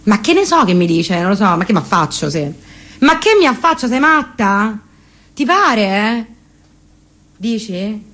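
A woman's voice: medium pitch, sing-song, unhurried, pauses often, a bit bright. A woman playing a spoiled, posh young Roman woman chatting breathlessly on the phone, with a Roman accent. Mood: agitated gossip. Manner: breathless, gossipy, exaggerated. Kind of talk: comic theatre monologue. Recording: radio broadcast with guitar behind.

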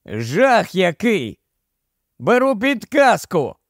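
A man's voice: high-pitched, very animated, takes it slowly, no room sound, clean studio sound, full character voice. A man reading an audiobook, voicing a brash, foul-mouthed young male friend who jokes in crude, mocking banter. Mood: eager. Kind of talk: audiobook character voice.

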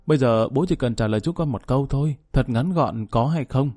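Male narrator voicing an insistent, coaxing grown daughter in an audio story, mellow and close. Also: mid-range voice, brisk, dry recording, natural voice.

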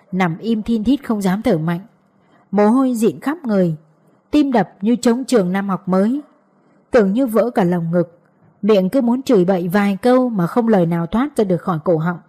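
Female audiobook narrator, mid-pitched, mellow and soft-edged, reading scripted fiction. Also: husky.

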